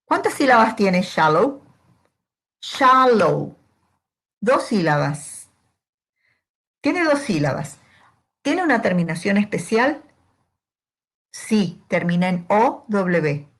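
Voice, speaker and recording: A woman walks through a grammar lesson at a deliberately slow pace. Her voice sits in an ordinary middle register. She is patient and poses questions to her students, then answers them herself. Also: medium pitch, very animated. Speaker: English teacher.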